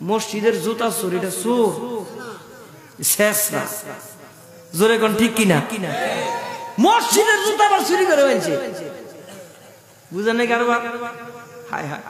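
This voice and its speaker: High-pitched shouting preacher in an echoing hall. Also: male voice. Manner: storytelling with shouted highs and quick drops to soft asides. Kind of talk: sermon. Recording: echoey hall, crowd behind.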